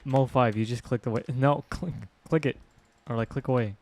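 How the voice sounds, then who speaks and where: A man's voice: medium pitch, fairly even intonation, moderate pace, darkish tone, slight background noise. A man co-hosting a gaming show, chatting casually with friends and reading game text aloud. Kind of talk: casual let's-play banter.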